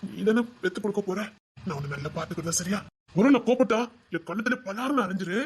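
A man's voice: sits high, fast, breathy edge. A man playing a young husband who has just learned he will be a father, speaking in an emotional, tender way. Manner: emotional, tender, promises not to get angry. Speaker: new father. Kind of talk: family web series acting.

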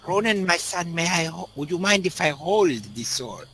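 A man doing a creaky old crone woken from sleep. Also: on the high side, sing-song, normal speed, fairly bright tone, heavily acted. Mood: pleading. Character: old woman, sleepy and cranky.

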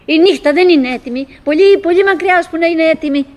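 Winnie, high-voiced wistful chattering wife. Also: female voice, darkish tone. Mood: wistful, halting. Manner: halting, repetitive, theatrical, mimicking remembered dialogue. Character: chattering buried wife, wistful, nagging, clinging to cheer. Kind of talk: theatrical absurdist radio play monologue.

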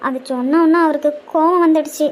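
A woman's voice: sits high, steady tone, a little fast, close to an everyday voice. Woman as a meek, pleading young wife. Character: pleading young married granddaughter.

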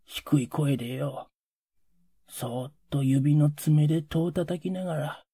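Guy putting on a gravelly old-edo workman, coarse street talk, dark tone, higher than his normal voice, dry audiobook. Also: unhurried, dry recording. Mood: wistful. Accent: old Edo working-class. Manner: pleading, coarse street speech. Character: rough working-class Edo man, emotional.

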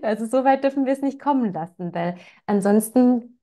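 A woman's voice: on the high side, a little fast, mellow. A woman working as a parenting coach, answering parents' questions in a direct, reassuring way and speaking to them by name.

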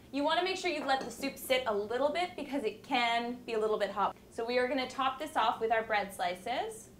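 A woman's voice: sits high, a bit bright. Upbeat woman hosting a cooking show. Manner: upbeat, instructional. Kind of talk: scripted cooking demonstration. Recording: echoey room, faint background noise.

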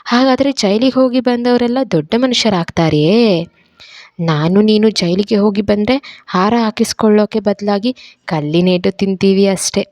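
A woman's voice: moderate pace, dry recording, lightly acted. A woman voicing an innocent young girl in a storybook reading, her voice raised above her narrating voice. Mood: innocent, puzzled. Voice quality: higher, brighter than the narration.

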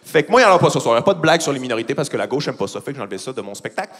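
A man's voice: medium pitch, sing-song, very fast, a bit bright. A man with a Québécois accent doing a profane stand-up comedy routine on a theatre stage, teasing the audience. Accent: Québécois French. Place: large theatre stage before a live audience.

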